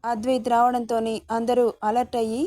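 Flat-voiced woman reading a romance story. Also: fairly high pitch, fairly quick. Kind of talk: serialized romance story narration.

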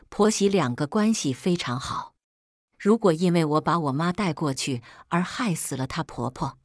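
A woman narrating a scripted first-person family story in a dramatic, expressive way. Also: on the low side, no room sound, studio quality.

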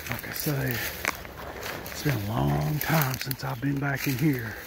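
A man's voice: medium pitch, steady tone, a little slow, vocal fry. An older man, a little out of breath, telling a rambling folksy story while hiking through the woods. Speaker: outdoor storytelling vlogger. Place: outdoors in woods by water. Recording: noisy outdoor ambience.

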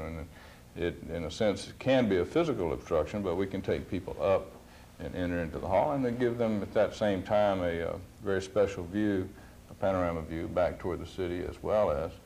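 A man's voice: low-pitched, a little mellow, slight background noise. A middle-aged man, an architect, explaining designs plainly with frequent fillers on a studio panel. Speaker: convention center architect. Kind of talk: panel discussion.

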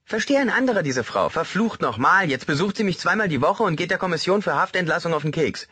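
A man voicing a small, squeaky-voiced male convict who talks bluntly and crudely. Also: lively intonation, fast talker, bright, forceful tone, slightly rough, no echo, exaggerated voice. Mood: griping. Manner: crude, chatty, indignant.

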